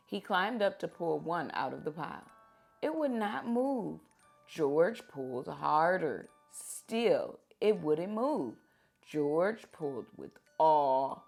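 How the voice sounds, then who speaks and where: A woman with a medium-pitched, creaky voice reads picture books aloud to kids, expressive and deliberate like a teacher, prompting them with questions.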